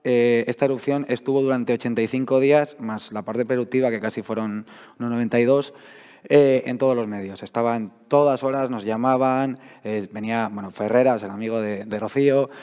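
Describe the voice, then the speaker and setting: A seismologist gives a colloquial, explanatory guest talk in a large hall, his voice hoarse and giving out after a night out. It's mid-range, fairly even, fairly quick, a little mellow and clean in tone, and the echoey hall adds long reverb.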